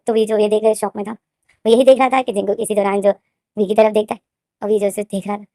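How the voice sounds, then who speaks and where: A woman's voice: medium pitch, mellow, no echo, clean studio sound. A woman casually retelling a fan-fiction story, narrating in a repetitive, rambling way.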